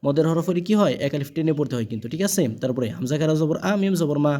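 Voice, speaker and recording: A man teaching Quran reading, spelling out letters and vowel marks one by one. He stretches the recited words slowly and keeps checking that the learner follows. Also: on the high side, expressive, dark tone. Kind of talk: spelling-out Quran lesson, call and repeat.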